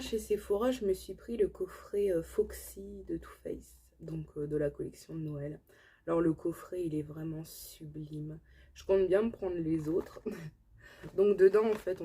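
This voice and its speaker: A French-accented woman talks through her latest beauty purchases in a relaxed, chatty way, pausing often with fillers. Her voice is mellow and slightly husky. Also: lowish voice. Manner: chatty, filler-heavy, enthusiastic about products. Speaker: beauty vlogger. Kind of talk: casual haul chat to camera.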